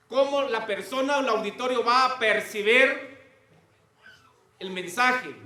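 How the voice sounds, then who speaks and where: A man's voice: very high-pitched, pushed and bright, reverberant. A man preaching a sermon to a congregation, often stopping to ask them questions.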